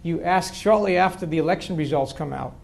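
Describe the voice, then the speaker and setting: The voice is fairly high, creaky, and darkish, delivered briskly. It belongs to an older political science professor fielding audience questions at length in a university lecture, frequently starting over mid-thought.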